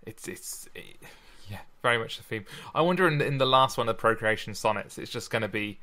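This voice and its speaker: A man's voice: lowish voice, a little fast, pushed and bright. A man co-hosting a casual chat about poetry, hesitant and repeating his words. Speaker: podcast co-host. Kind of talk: casual literary discussion.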